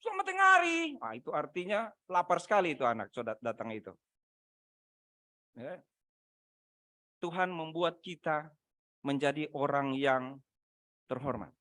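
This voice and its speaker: A man preaching a sermon over a video call, swinging between loud emphatic lines and quiet asides, often asking his listeners rhetorical questions. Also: on the high side, a little slow, long pauses, dry recording, studio quality. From Manado, Indonesia. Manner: asks the congregation rhetorical questions. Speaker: pastor.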